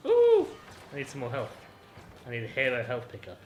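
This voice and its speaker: A man playing a video game while chatting casually as co-host, excitable with sudden high yelps and laughs. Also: quick pace, phone-quality sound. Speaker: gameplay co-host and player. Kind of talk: casual gameplay commentary. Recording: echoey room with background noise.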